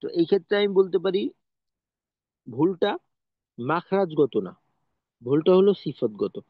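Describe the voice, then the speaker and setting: A man with a fairly high voice gives a patient online recitation lesson, explaining step by step and demonstrating each sound. The audio is tinny and phone-like, with a dry, close sound. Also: lively intonation, unhurried, dry recording. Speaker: Quran recitation teacher.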